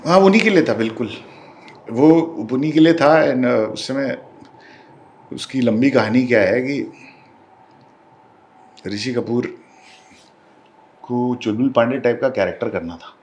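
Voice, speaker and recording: A man's voice: mid-range voice, unhurried, pauses often, reverberant. A man giving a candid interview as a guest. He talks bluntly and combatively and mixes Hindi with English phrases. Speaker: interview guest, film director.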